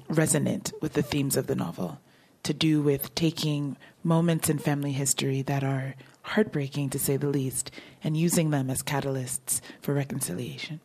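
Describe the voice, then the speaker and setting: At a book talk, a woman novelist chats casually about her writing and fields audience questions, laughing often. Her voice is low-pitched, a little mellow, and husky.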